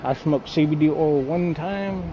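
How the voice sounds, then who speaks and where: Here the gaming creator's voice runs on the high side and his pace is unhurried. Talking through a lip of dipping tobacco, he rambles in a crude, blunt, casual manner full of swearing. The highs are cut off, and there's faint background noise.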